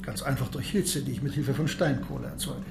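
An actor playing a proud, world-weary submarine captain in a radio play, speaking formally and with grand declamation. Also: male voice, mid-range voice, fairly even intonation, a little fast, gravelly, natural voice. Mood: confident, explaining. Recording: echoey room, background noise.

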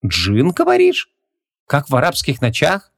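A man voicing a bold, sharp-tongued young woman who talks brashly and with disbelief. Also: on the high side, wildly swooping pitch, measured pace, gravelly, pitched above the performer's own voice, full character voice. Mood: bewildered. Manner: brash, incredulous.

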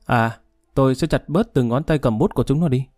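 A man's voice: medium pitch, brisk, a little mellow, no echo, studio quality, faint music behind, close to an everyday voice. A man voicing a hardened male death-row prisoner who speaks curtly and bitterly. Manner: curt, vengeful.

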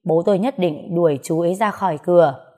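A woman tells a dramatic first-person story with emotional weight. Her voice sits somewhat low. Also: brisk, dark tone. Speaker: narrator.

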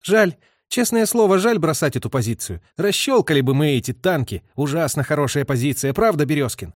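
A man's voice: fairly high pitch, expressive, a little fast, dry recording, studio quality, pitched above the performer's own voice. A male narrator voicing a young lieutenant who barks orders in a ringing voice. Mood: eager. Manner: barking crisp orders.

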